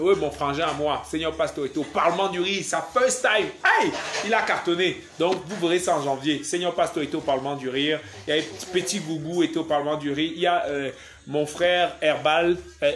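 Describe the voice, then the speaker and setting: Cameroonian guy on a live stream, jokey, kinda high voice, reads comments out loud. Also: slight background noise. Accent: Cameroonian French. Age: young adult. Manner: playful, joking, reads viewer comments aloud. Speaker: comedian doing a live stream. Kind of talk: casual live-stream chat.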